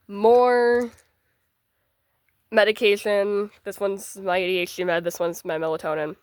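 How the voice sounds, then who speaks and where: Teen girl vlogger, congested, chatty and self-mocking, mid pitch, dry sound. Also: no echo. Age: teens. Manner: chatty, bubbly, self-deprecating asides. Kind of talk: casual packing vlog.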